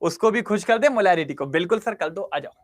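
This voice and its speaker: A man's voice: sits high, lively intonation, fairly quick. A man teaching chemistry in an online class, constantly quizzing his students and coaxing them to answer.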